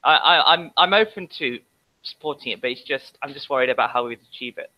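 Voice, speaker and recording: A man's voice: mid-range voice, quick pace. Earnest guest man over muffled call audio. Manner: earnest, repeats himself, starts with hesitations. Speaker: guest answering questions. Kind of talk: casual interview answers.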